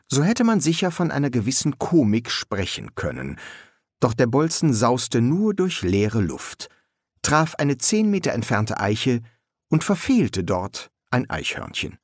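A man's voice: medium pitch, no room sound. A man narrating an audiobook in a dry, ironic storytelling manner. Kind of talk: scripted narration.

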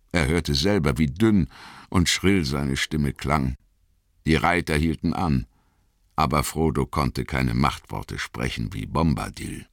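An audiobook narrator with a deep male voice reads a story with dramatic flair in scripted narration. His tone is fairly bright, and the clean studio recording has no room sound.

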